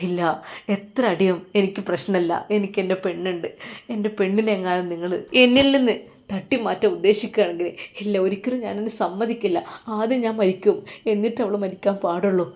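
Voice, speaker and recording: A heartbroken young husband in his twenties, put on by a woman storyteller. He pleads in a soft, hushed voice, close to sobbing, with a middle pitch. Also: fairly even intonation, a little fast, natural voice. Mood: pleading, grieving. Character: young man, 23, desperate lover.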